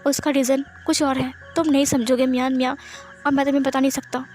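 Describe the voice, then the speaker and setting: A woman's voice: high voice, level tone, quick pace, darkish tone, faint music behind, lightly acted. A woman voicing a puzzled young man who bluntly turns down a friend, in a read-aloud fan story. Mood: firm.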